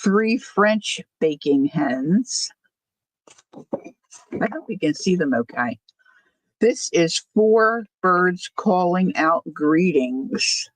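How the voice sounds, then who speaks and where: A woman's voice: on the low side, animated, extremely slow, dry recording, low-quality recording. An older woman chatting casually as a livestream host, rambling easily through asides, her words slightly slurred from missing front teeth. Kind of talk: casual chat.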